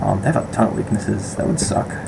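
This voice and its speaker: Full of ums and restarts, a young vlogger from western New York rambles casually through a survey vlog in his western/upstate New York American accent. He speaks fairly quickly with a fairly low, creaky voice and fairly even intonation, and the recording is very noisy.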